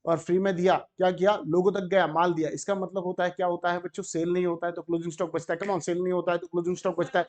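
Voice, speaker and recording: Animated high-voiced Indian tutor. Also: male voice, fast talker, hardly any pauses. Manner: animated, asks the class questions and acts out shopkeepers. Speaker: commerce tutor. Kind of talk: classroom lecture.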